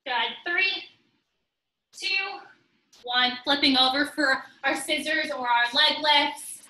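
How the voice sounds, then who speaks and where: Bright high-voiced woman leading a workout. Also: slow pace. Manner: steady counting cues, instructive while exercising. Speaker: fitness instructor. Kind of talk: guided workout class. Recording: roomy sound, distant from the mic.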